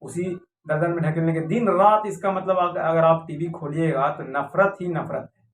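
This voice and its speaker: A man's voice: fairly high pitch, steady tone, moderate pace. A man giving a rambling, indignant opinion monologue to viewers, repeating phrases for emphasis. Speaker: video commentator. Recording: echoey room, voice from a distance.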